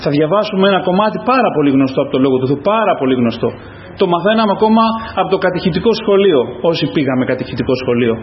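A man's voice: fairly high pitch, animated, a little hiss or hum. A man preaching a fervent sermon as pastor, calling out to the congregation again and again. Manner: fervent, repetitive calls to the congregation. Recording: echoey, dull lo-fi church recording.

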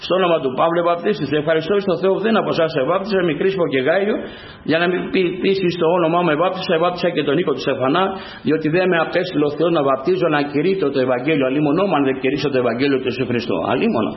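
A man preaching a fervent sermon to his congregation, breaking up his points with repeated praise refrains. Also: on the high side. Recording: echoey room, dull lo-fi sound.

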